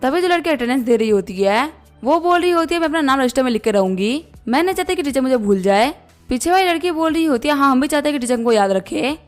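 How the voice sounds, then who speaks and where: A woman's voice: high voice, animated, quick pace. A woman narrating a story recap, reading every character's lines in her plain voice. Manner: reads all dialogue in her plain voice. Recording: faint background music.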